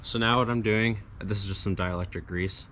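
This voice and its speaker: With a fairly low pitch and a steady tone, a young man moves fairly quickly through an informal, hands-on car tutorial for his DIY video. He explains step by step as he works in and next to a parked car outdoors, with clear background noise and vehicle ambience audible.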